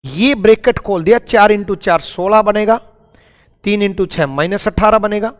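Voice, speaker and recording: A man's voice: high voice, unhurried, long reverb tail. A man teaching a live online math class, repeating each step and calling his students brother.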